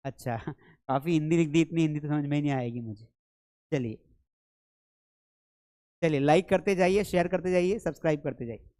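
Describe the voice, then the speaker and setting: A man's voice: fairly high pitch, moderate pace, long pauses, warm tone. A man teaching spoken English in a live online lesson, calling viewers "children" and repeating phrases for drills.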